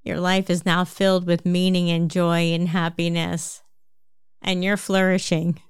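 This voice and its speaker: A woman with a New Jersey accent giving a calm, measured self-help talk, explaining things step by step. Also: on the low side, clear, resonant tone, no room sound, clean studio sound.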